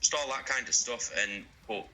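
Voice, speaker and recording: A man in a band being interviewed, talking casually, excitable and sweary, laughing often. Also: mid-range voice, moderate pace, rough recording.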